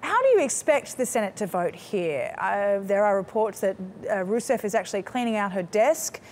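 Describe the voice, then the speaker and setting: A woman's voice: medium pitch, expressive, normal speed, darkish tone, slight background noise. A woman in her thirties interviewing a guest live as a television news anchor. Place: TV news studio.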